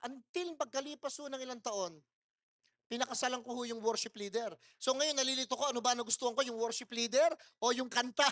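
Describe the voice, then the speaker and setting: A male pastor preaching a sermon at a church service in a mall, telling personal stories in a deliberately loud voice, slipping in English phrases and laughing often. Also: very high-pitched. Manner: storytelling, mixing in English phrases.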